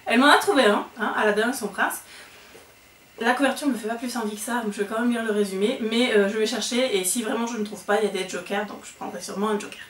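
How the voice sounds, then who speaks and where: A woman's voice: fairly high pitch, fairly even intonation, fast. A woman chatting casually through her monthly book wrap-up video, with lots of fillers and restarts. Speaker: book vlogger. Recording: echoey room, voice a bit far from the mic.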